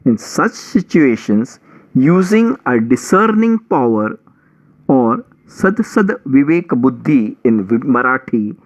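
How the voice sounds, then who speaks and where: Man storytelling with very lively, swinging pitch. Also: takes it slowly, poor audio. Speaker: audiobook storyteller. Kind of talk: scripted story narration.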